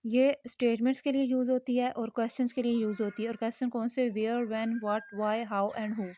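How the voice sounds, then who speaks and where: A woman teaching a linguistics lesson, patiently explaining each point and slowly reading out English examples. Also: fairly high pitch, little pitch movement, mellow.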